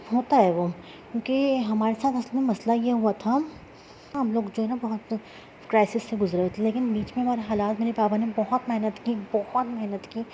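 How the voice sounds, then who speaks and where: A woman vlogger talks through a memory in a candid, blunt, chatty way, full of fillers. Her voice sits mid-range with a warm, dark tone. The recording is a little dull and lo-fi, with faint ambience behind her. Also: mid-range voice, a little hiss or hum. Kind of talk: casual personal storytelling. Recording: slightly dull lo-fi sound.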